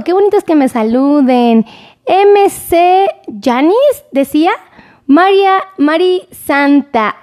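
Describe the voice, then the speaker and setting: A Mexican woman doctor hosting a live stream, chatting warmly and greeting viewers by name. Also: high-pitched. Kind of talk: casual live-stream chat reading viewer comments.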